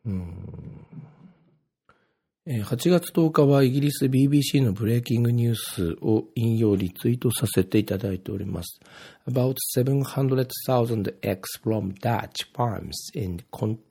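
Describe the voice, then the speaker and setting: A man's voice: medium pitch, fairly quick, warm tone, breathy edge. A man from Ibaraki talking casually on his own, reading his posts aloud and rambling with plenty of filler words. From Ibaraki, Japan.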